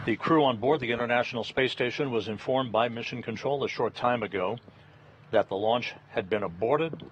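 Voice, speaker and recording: A man giving live launch commentary from mission control in a halting, deliberate, matter-of-fact way. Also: mid-range voice. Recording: dull broadcast audio, faint noise.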